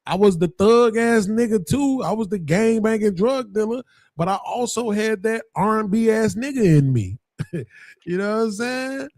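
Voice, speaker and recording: A man's voice: sits high, lively intonation, normal speed, darkish tone, no room sound, studio quality. A man hosting a podcast in casual chat, profane and rambling, laughing often. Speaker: podcast host.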